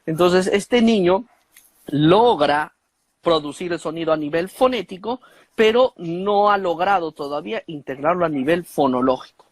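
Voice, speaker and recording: A man's voice: sits high, moderate pace, dry recording. A man speaking as an expert guest, explaining in a didactic way with many fillers and tag questions. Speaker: guest expert on speech disorders. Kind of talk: explanatory conversation.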